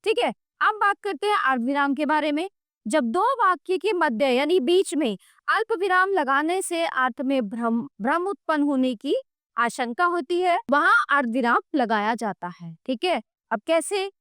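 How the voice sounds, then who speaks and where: A woman's voice: high-pitched, lively intonation, normal speed, fairly bright tone, no room sound, studio quality. A woman teaching a grammar lesson to children, patient and explanatory, often checking in with "okay".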